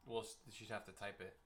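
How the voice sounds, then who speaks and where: A man's voice: lowish voice, moderate pace, slight background noise. A man co-hosting a youth livestream from home, chatting casually with dry, teasing banter. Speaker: youth ministry co-host.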